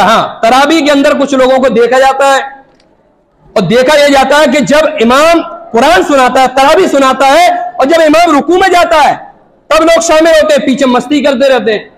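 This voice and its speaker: High-pitched man preaching an emphatic sermon. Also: slight background noise, low-quality recording. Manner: emphatic, repeats points for stress. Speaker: Islamic preacher.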